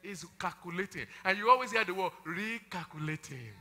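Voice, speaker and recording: A man preaching with a high, piercingly bright voice that rings through a church hall's long reverb. He swings between loud calls and hushed asides. He speaks non-native English with a West African flavor. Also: lively intonation, a little fast. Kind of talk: sermon. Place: church hall.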